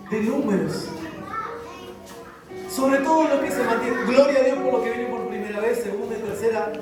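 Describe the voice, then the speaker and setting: A man preaching a sermon as pastor, reading scripture aloud and acting out its quotes with fervor. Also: very high voice. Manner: fervent preaching, voicing scripture quotes dramatically. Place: church hall. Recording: echoey hall, voice from a distance, music behind. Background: music.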